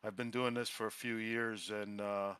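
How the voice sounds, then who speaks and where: Bright-voiced man, rambling race winner. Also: fairly low pitch, flat delivery, moderate pace, smooth, dry recording. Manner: rambling, self-correcting, laughs between thoughts. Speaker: race winner, sim racer. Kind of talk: post-race interview.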